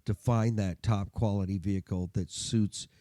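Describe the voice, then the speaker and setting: A man's voice: fairly low pitch, fairly even intonation, normal speed, mellow, no echo, studio quality. A man hosting a folksy car show monologue, chatty and jokey, his voice gargly and congested from a winter cold. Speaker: radio show and podcast host.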